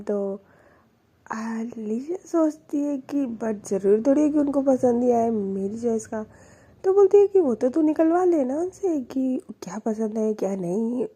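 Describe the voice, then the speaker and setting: A female storyteller tells a love story in a relaxed, conversational way, breaking in with her own asides. Her voice sits a little high, and its tone is very mellow and dark. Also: a little slow, breathy edge. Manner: chatty, lively asides. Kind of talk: casual spoken storytelling.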